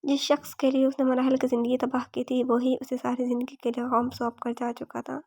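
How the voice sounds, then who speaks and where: A woman narrating a romance novel in a steady, even reading. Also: sits high, fairly quick, no echo, clean studio sound. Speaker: audiobook narrator.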